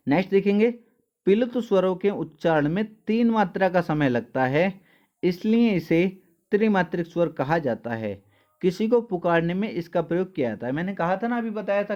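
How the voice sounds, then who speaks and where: A man's voice: high-pitched, darkish tone, dull audio. A male teacher giving an exam-prep lesson, asking questions and answering them himself, calling the students dear children. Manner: addresses listeners as dear children.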